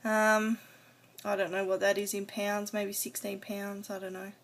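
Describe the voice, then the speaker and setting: Slightly slow and level in tone, an adult woman with a medium-pitched voice talks casually to camera. In this personal vlog diary she rambles a little hesitantly and lets her words trail off.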